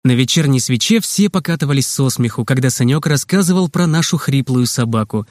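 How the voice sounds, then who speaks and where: A man narrating a children's storybook in a lively reading voice, lifting his pitch for the children's lines. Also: brisk, no room sound, studio quality. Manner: lively, plays each child's line with raised pitch. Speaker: audiobook narrator.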